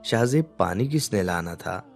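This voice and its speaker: A man's voice: deep voice, lively intonation, normal speed, gravelly, faint music behind. A man voicing a cheeky, bossy young bride who teases her husband. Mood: teasing. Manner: bossy, teasing.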